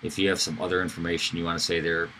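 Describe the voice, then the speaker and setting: A man giving a casual screen-recorded software tutorial, talking loosely with fillers and self-corrections. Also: low-pitched, little pitch movement, very fast, a little hiss or hum, rough recording. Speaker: instructor.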